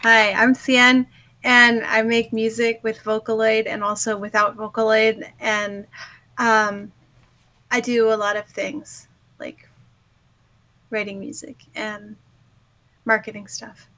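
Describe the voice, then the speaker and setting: A woman speaks slowly in casual podcast chat. Her voice is bright and a bit high, and she comes across as laid-back and playful. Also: flat delivery. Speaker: podcast co-host, musician.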